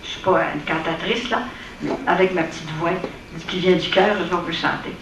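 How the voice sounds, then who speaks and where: A woman's voice: lowish voice, brisk. A woman with a Quebec French accent giving an earnest, plain-spoken personal testimony to an audience at a prayer evening. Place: hall at an evening gathering. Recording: echoey room, voice from far off, faint hiss.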